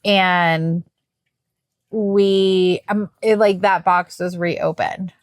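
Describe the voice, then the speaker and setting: A woman's voice: fairly low pitch, steady tone, very slow, dry recording, clean studio sound. A middle-aged woman co-hosting a podcast in casual, rambling chat, tired and yawning, laughing often. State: sleepy. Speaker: podcast co-host.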